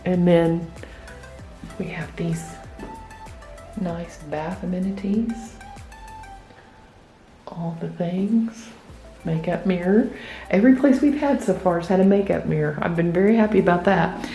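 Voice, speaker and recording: A woman travel vlogger talks in an unhurried, chatty way, walking her camera through a hotel room. Her voice sits a little low. Steady background music plays beneath her. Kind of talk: casual travel vlog chat.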